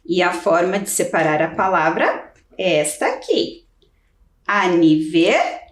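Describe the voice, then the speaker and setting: A Brazilian primary school teacher gives a children's video lesson with patient, step-by-step instructions in her Brazilian Portuguese accent. Her voice is lowish and very animated at a moderate pace, recorded roomy and off-mic.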